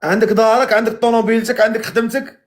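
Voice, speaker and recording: A Moroccan man with a high voice hosts a live stream, talking briskly and teasing his callers. His casual patter runs on with quick calls to the viewers. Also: fairly even intonation, a little hiss or hum. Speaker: live matchmaking host. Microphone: live video stream.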